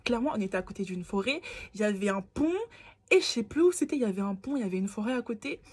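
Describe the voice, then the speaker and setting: A young woman from France telling a personal story to camera in casual slang, animated and sometimes dropping to a whisper. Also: medium pitch, very fast, breathy edge. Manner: animated, slangy, acts out quoted lines, drops to whispers. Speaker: storytime vlogger.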